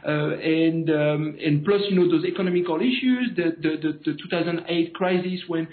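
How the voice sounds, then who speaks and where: A man from France with a French accent, a native French speaker, speaking haltingly and searching for words as an interview guest. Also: on the high side. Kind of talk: conversational political interview. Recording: phone-like, thin, echoey line.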